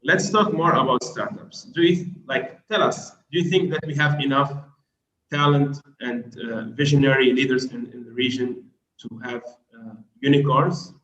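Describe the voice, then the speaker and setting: A man's voice: medium pitch, fairly even intonation, normal speed, a bit bright. Man moderating over a roomy, muffled call. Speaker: webinar moderator. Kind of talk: online panel moderation. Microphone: video call. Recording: roomy muffled call audio, faint noise.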